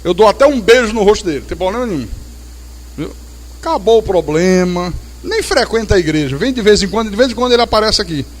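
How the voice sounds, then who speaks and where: A male pastor preaching a sermon in church, reading scripture slowly and drawn out, then telling anecdotes quickly. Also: sits high, lively intonation. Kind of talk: sermon with storytelling. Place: church service.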